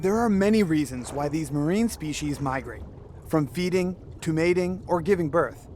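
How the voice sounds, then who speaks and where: A man's voice: on the high side, lively intonation, normal speed, darkish tone. A young man presenting and narrating a nature documentary in a scripted style. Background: music bed under the voice.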